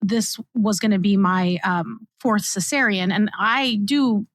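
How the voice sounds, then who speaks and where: A woman's voice: mid-range voice, unhurried, no echo. A woman in her mid-forties, a podcast guest, talking earnestly and encouragingly in casual chat. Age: 40s. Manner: earnest, encouraging, many fillers.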